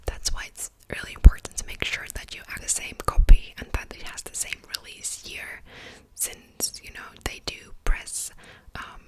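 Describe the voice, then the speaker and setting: A woman in a whispered role-play as a patient, helpful librarian, speaking in a soft, breathy library whisper with an unhurried, explanatory manner. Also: low-quality recording. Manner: unhurried, explanatory, gently attentive. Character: patient, helpful female librarian serving a borrower. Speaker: ASMR performer playing a librarian.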